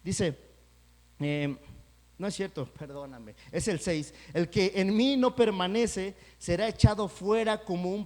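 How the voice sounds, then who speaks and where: A pastor preaching a sermon, talking conversationally and then building to loud, emphatic peaks. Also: male voice, sits high. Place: church sanctuary. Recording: church hall with long reverb.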